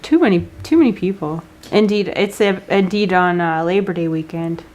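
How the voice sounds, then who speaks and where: A woman's voice: lowish voice, normal speed, a little mellow. A woman musician chatting casually between songs, teasing her partner with dry, joking remarks. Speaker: musician hosting a live stream. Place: San Francisco home.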